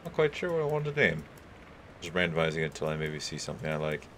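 Though very deep, this man's voice is very animated, fast and fairly bright in tone, with slight background noise. He hosts gaming videos, casually musing aloud over options as he plays and chuckling now and then.

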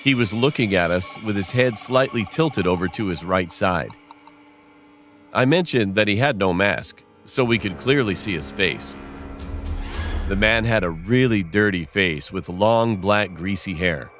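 A young man narrates a true scary story in the first person, reading from a script. His voice sits somewhat low, and soft music plays faintly underneath. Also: measured pace.

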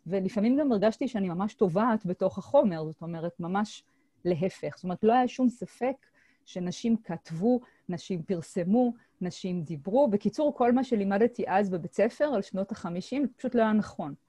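A middle-aged woman presents her historical research at an online seminar, speaking hesitantly with frequent filler sounds and restarted phrases. Her mid-range voice is warm, mellow, and animated with a breathy edge. The sound is dry and close, with no room sound, through her computer mic on a video call.

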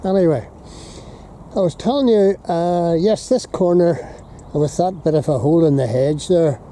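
A middle-aged Northern Irish vlogger speaks at normal speed, his voice on the high side but dark in tone. He films on a handheld phone camera from a windy hilltop viewpoint, rambling casually as he walks with fillers and self-corrections, and the wind comes through on the mic.

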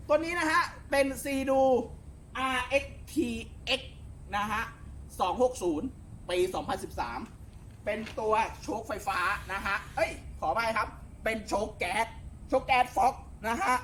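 A man with a fairly high, light voice walks through jet skis for sale in easy, polite chatter. He often stops for fillers and corrects himself as he goes. Faint noise sits behind him. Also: fairly bright tone. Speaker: jet ski shop salesman. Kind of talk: casual sales walkthrough.

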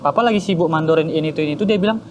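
Picture a man with a lilt, slightly high in pitch, recounting his own story with lively repetitions. Steady noise sits under the recording. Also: rapid-fire. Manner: animated, repeats words while recounting. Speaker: guest. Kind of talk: personal storytelling.

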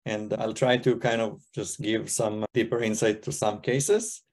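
Speaking a little slowly in a lowish, darkish voice with fairly even intonation, an investor in his thirties from Israel and China presents a webinar as a guest speaker. He talks into a computer mic on a video call. His manner is loose and casual, full of restarts as he thinks aloud.

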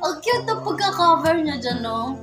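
A woman's voice: high voice, animated, normal speed, far from the mic, poor audio. A young woman with a Filipino accent giving chatty, gushing reaction commentary, switching between Tagalog and English. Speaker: reaction video host. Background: guitar music from the video being watched.

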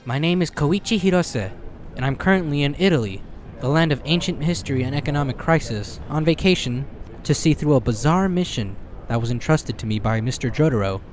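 With music behind him and a little hiss or hum, a man voices a polite, earnest, easily flustered teenage boy in a comic fan dub, handling both narration and dialogue in a matter-of-fact mood. His voice is on the high side, lively in intonation, fairly quick and lightly acted.

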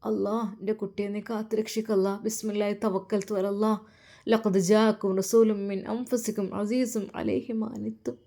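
A woman voicing a tearful middle-aged mother who prays softly and pleadingly for her son in a spoken story. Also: mid-range voice, flat delivery, moderate pace, gravelly. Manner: soft, trembling pleading prayers.

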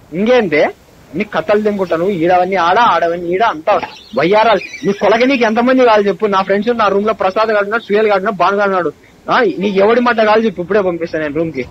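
A young man shouts accusations down a phone line, and his voice is high and racing. Each word comes out angry and abusive. The phone call recording sounds dull, with a faint hiss behind it. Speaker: college student on a phone call. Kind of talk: heated phone argument.

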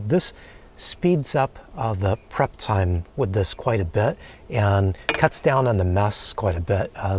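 A man in his forties calmly talking through a recipe while cooking in a small camper van kitchen, with many relaxed "uh"s. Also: on the low side, a little hiss or hum. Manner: calm, unhurried, many filler "uh"s. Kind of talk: casual cooking demonstration.

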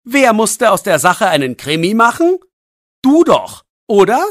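Sarcastic teenage boy voiced by the narrator, slow and clear. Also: medium pitch, huge pitch swings, dry recording, clean studio sound, pitched above the performer's own voice. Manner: scolding, sarcastic. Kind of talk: audiobook role voice.

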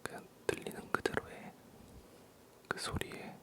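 In a barely audible, breathy whisper, a male ASMR creator rambles along in a low voice, pausing haltingly and repeating words softly.

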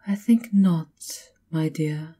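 In an ASMR roleplay, a woman plays a seductive, menacing vampire countess, mocking and taunting in a breathy, theatrical purr that often sinks toward a whisper. Her voice is deep, slow, dark-toned and exaggerated.

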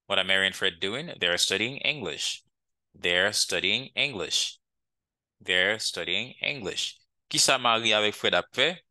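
Male English teacher, low bright voice, close dry sound, slow repeated drills. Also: no room sound. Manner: drills English phrases slowly, asks "ok?" often. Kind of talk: language lesson.

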